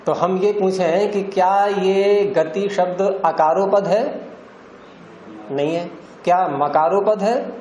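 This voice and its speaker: This older teacher's voice sits high and has a darkish tone as he walks students through Indian philosophy and grammar, asking them questions and explaining at length. Recorded in a classroom with echo and faint background noise.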